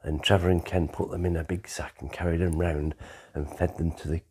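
A man, telling his life story in a rambling, conversational way with pauses and restarts. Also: deep voice, little pitch movement, darkish tone, slightly rough. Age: 60s. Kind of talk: unscripted autobiographical storytelling.

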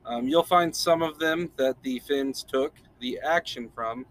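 A male podcast host talking casually at a middle pitch, laid-back and rambling. He chuckles often. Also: unhurried, a bit bright. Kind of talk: casual chat.

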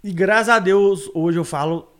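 A man's voice: sits high, moderate pace, fairly bright tone. A man with a rural Minas Gerais accent, talking earnestly and emphatically as a guest on a talk show.

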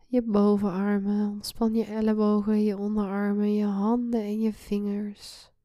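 A woman leading a guided meditation in a soft, breathy, soothing voice that often slips into a hushed spa-like whisper. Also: medium pitch, dry recording, clean studio sound. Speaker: guided meditation podcast host. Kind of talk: slow guided relaxation meditation.

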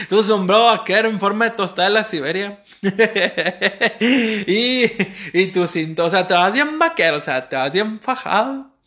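Host: Mexican man, joking monologue, slangy and rambling, high bright voice. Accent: Mexican Spanish. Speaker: podcast host. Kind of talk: comic storytelling monologue.

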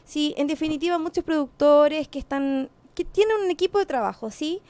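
A woman with a Chilean accent co-hosting a radio show, talking fast and upbeat in casual chat. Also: sits high, darkish tone, no room sound. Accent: Chilean Spanish.

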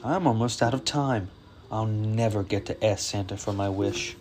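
A man's voice: on the low side, moderate pace, faint music behind, close to an everyday voice. A man voicing an anxious young male turkey in a storybook, pleading and wailing. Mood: groaning.

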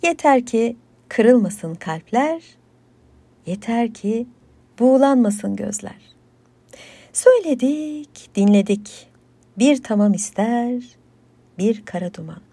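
Lively, mellow-voiced woman storyteller. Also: on the high side, slow, pauses often, husky, dry recording. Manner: lilting, rhythmic, closing rhymes. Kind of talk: folktale storytelling.

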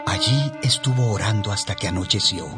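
A man narrating a Bible audiobook in a measured, expressive storytelling manner. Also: fairly low pitch. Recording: narration over background music.

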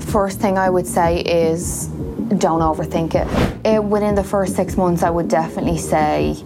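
A woman's voice: on the low side, steady tone, moderate pace, vocal fry, heavy background noise. A woman with an Irish accent chatting informally as an interview guest, explaining things in a casual, conversational way. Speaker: podcast guest, small business founder.

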